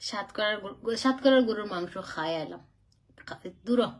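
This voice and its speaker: A woman's voice: medium pitch, expressive, moderate pace. A woman from Chittagong chats on a live stream, answering viewer comments as she goes. She talks loosely and mixes in English phrases. She sounds a little tired from travelling. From Chittagong, Bangladesh. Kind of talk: casual live-stream chat.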